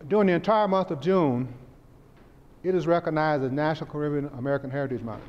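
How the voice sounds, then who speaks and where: A man's voice: fairly high pitch, a little mellow. An older man standing and presenting upcoming festival events in a forthright, earnest way in a community center room. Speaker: event organizer. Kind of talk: public presentation. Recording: dull echoey hall recording.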